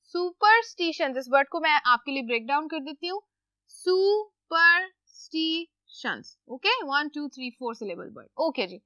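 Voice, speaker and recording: Lady teacher, really high bright voice, patient, asks the kids stuff then answers it herself. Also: expressive, fairly quick, few pauses, dry recording, studio quality. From Pakistan. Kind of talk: classroom lesson for children.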